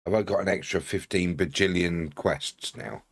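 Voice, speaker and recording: A man's voice: low voice, steady tone, normal speed. A man giving casual gameplay commentary, slipping into playful in-character narration. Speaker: game streamer. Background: game music.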